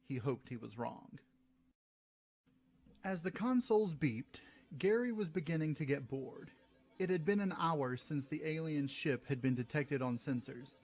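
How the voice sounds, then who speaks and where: A man narrating his own science fiction story in a steady reading voice. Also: on the high side, a little slow. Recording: soft music behind.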